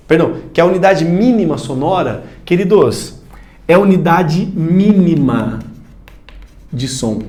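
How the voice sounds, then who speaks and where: Brazilian male prep teacher, high bouncy voice, casual and chatty. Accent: Brazilian Portuguese. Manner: lively, chatty, plays student questions himself. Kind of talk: recorded video lecture. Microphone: studio recording facing a screen.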